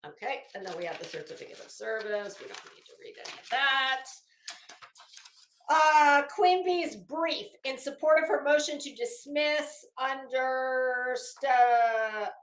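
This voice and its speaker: On a poor-quality recording in an echoey room, a woman with a high, animated voice talks a little slowly. She's hosting a casual livestream, thinking out loud in a loose, hesitant, rambling way while reading legal documents aloud.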